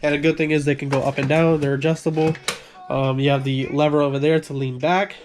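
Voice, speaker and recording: A man with a fairly high, slightly mellow voice speaks fairly quickly and with little pitch movement as he gives a casual tour of his gaming room. An adult with a son and a gaming channel creator, he rambles, corrects himself, apologizes, coughs now and then and is short of breath.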